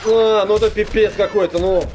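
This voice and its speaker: A man giving casual live game commentary to his viewers, excitable and complaining, with plenty of swearing. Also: sits high, fairly quick, background noise. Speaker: game streamer.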